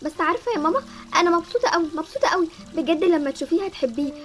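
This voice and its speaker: A proud, quick-tongued young woman , voiced by a woman, speaks Egyptian Arabic in a very high, animated voice. She talks fast and dramatically, with music playing softly under her in this Roblox drama. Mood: happy. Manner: dramatic, swings between pleading and defiant.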